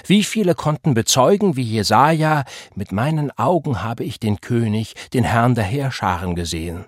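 A fervent young revival preacher, as a male reader puts him on, calling out to his flock with rising cries and slow, drawn-out stresses. His voice sits at an ordinary pitch for a man and is recorded close and dry, with no room around it. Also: expressive, no room sound, lightly acted. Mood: solemn. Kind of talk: impassioned sermon.

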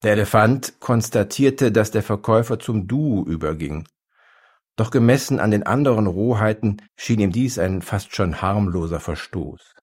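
A man reading a story aloud in a calm, measured narration. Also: fairly low pitch, slightly rough.

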